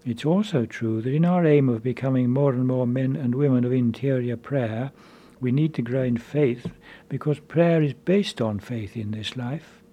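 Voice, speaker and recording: A man giving a measured, earnest spiritual conference talk as a preacher. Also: mid-range voice, dark tone, highs cut off.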